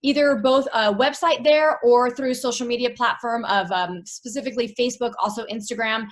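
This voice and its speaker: A woman's voice: fairly high pitch, fairly quick. A woman guest on a podcast, chatting in an upbeat, friendly way. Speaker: interview guest. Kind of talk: casual interview chat.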